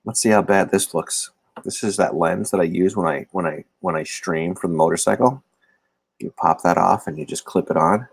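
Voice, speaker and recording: Gravelly low-voiced man chatting on a livestream. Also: normal speed, no room sound. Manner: rambling, self-deprecating, talks to chat viewers. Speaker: livestream host. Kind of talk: casual livestream chat. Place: indoor room. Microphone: phone or laptop camera mic.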